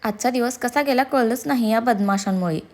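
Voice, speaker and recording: Casting: woman reading a cheerful young dad for an audio story, lively and playful, voice kept high. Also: brisk, natural voice.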